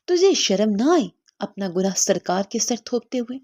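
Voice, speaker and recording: A woman's voice: fairly high pitch, big pitch swings, a little mellow. A woman voicing a scornful older village midwife who scolds harshly and self-righteously. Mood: scolding.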